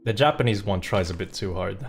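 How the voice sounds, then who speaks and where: Low-voiced young man streaming a game. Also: fairly quick, gravelly, faint music behind. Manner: rambling, slangy. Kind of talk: casual live game commentary.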